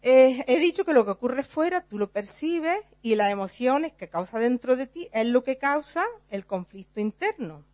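A woman's voice: sits high, expressive, normal speed, hardly any pauses, a little mellow, no echo. A woman teaches a group informally. She explains step by step, checks in with "right?" after nearly every phrase, and acts out everyday examples. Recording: dull, dry, lo-fi recording.

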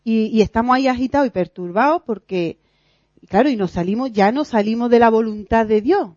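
A woman's voice: on the high side, brisk, darkish tone, dry recording, muffled recording. A woman giving an earnest, confessional religious teaching, acting out her own worries aloud and laughing at herself. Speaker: lay teacher in a church group.

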